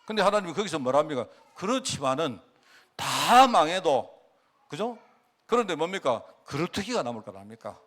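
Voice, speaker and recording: A man's voice: fairly high pitch, very animated, quick pace, a bit bright. A man preaching a sermon, asking the congregation rhetorical questions and acting out God's words in a quoted voice. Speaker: pastor.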